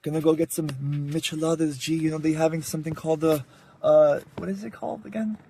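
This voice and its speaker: A man's voice: on the high side, fairly even intonation, fairly quick, gravelly, warm tone, husky. A man live streaming in casual, slangy talk, addressing his viewers like buddies. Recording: noisy street and vehicle background.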